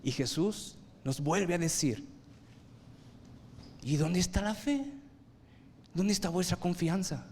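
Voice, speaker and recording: A man preaching a sermon, swinging from loud emphatic bursts to low quiet lines and asking his listeners rhetorical questions. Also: slow, pauses often, a little hiss or hum.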